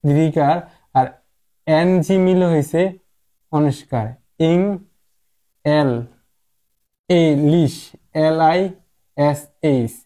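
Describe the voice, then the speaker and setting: Man, English teacher, slow repetitive drilling, warm tone, slightly high pitch. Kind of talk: phonics lesson.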